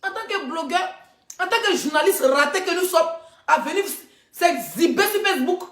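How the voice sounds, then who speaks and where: A woman rants to her followers in a loud, teasing way, laughing as she goes. Her voice sits high. The room around her sounds echoey. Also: expressive, normal speed. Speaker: influencer blogger. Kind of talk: animated casual rant to followers.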